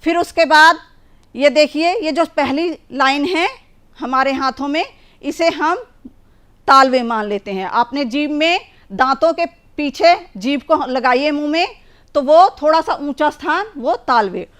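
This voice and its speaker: A woman's voice: sits high, measured pace, a bit bright. A woman teaching a children's language lesson, patiently drawing out each sound and word for young pupils. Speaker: primary school teacher.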